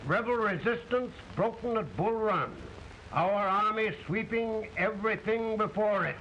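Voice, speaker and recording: An actor in an early talkie film playing an earnest, deferential army officer, speaking formally and declaiming. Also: male voice, sits high, unhurried, fairly bright tone. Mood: proud, confident. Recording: dull, hissy 1930 film soundtrack.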